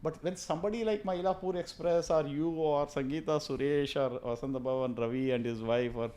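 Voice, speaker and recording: Fast-talking Tamil Indian man, earnest and emphatic. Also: a little high, fairly even intonation, warm tone. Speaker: interview guest, restaurateur. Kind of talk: conversational interview, storytelling.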